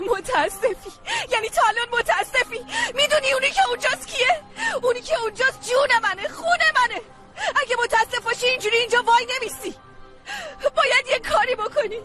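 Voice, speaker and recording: A woman's voice: very high-pitched, pushed and bright, faint music behind. A woman dubbing a heartbroken young wife who cries and pleads in a TV drama. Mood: desperate. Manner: pleading, sobbing. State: crying. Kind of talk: Persian dub of a TV drama.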